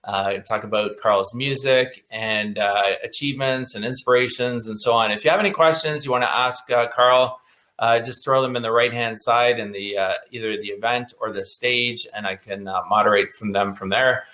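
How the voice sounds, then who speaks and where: Bright-voiced man hosting an online event. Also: mid-range voice, fairly even intonation, moderate pace. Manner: enthusiastic, heavy on "uh" fillers. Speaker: host. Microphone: video call mic.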